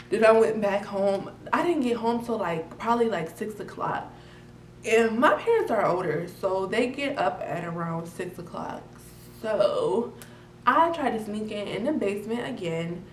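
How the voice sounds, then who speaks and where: Young woman vlogger, animated slangy storyteller, faint hiss behind, middle pitch. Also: recorded from a distance. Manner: slangy, animated storytelling that swings from loud outbursts to mutters. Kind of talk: casual storytime chat. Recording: roomy, off-mic with faint noise.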